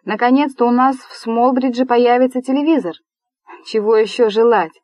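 A woman's voice: fairly high pitch, moderate pace, no echo, voice pushed up, close to an everyday voice. A woman playing a brash, rude young man. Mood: eager. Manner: loud, blunt, bossy.

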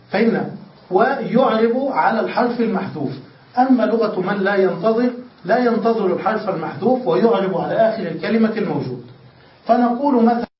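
A man, a sheikh, teaching an Arabic grammar lesson, asking his students questions and repeating examples slowly. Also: sits high, slight background noise. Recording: roomy, distant, dull lo-fi recording.

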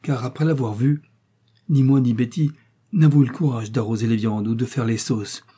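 A man voicing a timid, frightened older husband who speaks meekly and in a hushed voice. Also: medium pitch, fairly even intonation, normal speed, slightly rough, natural voice. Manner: meek and hushed, pleading.

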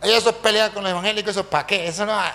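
A man voicing a stubborn female catechist who brushes things off with quick retorts. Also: high voice, steady tone, bright, forceful tone. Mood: dismissive.

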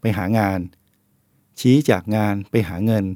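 A man's voice: unhurried, warm tone, dry recording, studio quality. A man, a Buddhist monk, reading a book of essays aloud in a plain, explanatory way and speaking directly to the listeners.

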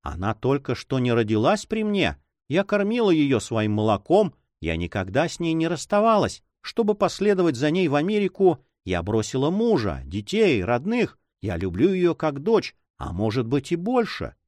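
A man voicing an old female duenna who sighs, grumbles and fusses in a high voice. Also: wildly swooping pitch, moderate pace, few pauses, a little mellow, no room sound, studio quality. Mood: grumbling. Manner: sighing, fussy, grumbling.

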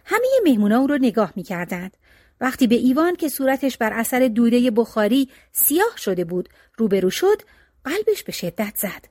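A woman storyteller reading a folk tale aloud in an expressive, lilting narration. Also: on the high side, no echo, studio quality.

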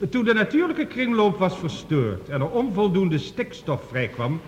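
In a muffled recording from a reverberant hall, a man with a high-pitched, very animated voice speaks at normal speed. He is an actor in a science fiction radio drama, playing an earnest, authoritative male scientist who reports Mars findings in a formal, precise lecture. The mood is earnest and explanatory.

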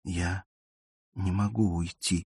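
A desperate young woman from an audiobook, voiced by a male reader pleads in a breathless, urgent rush. The voice is husky and lifted above a low base. It sounds close and dry. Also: measured pace, no echo. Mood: distraught pleading. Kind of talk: audiobook character voice.

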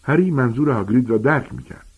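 A man reads a storybook aloud in an expressive, narrating manner. His voice is very deep and husky, with a lively, swinging melody. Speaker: audiobook narrator. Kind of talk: audiobook reading.

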